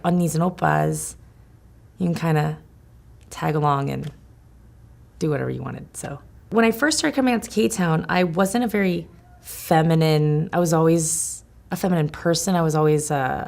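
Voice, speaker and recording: A woman's voice: lowish voice, vocal fry, a little mellow. A young adult woman from Los Angeles, telling her life story frankly and casually, full of "like" and "you know". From Los Angeles, USA. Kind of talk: candid personal storytelling.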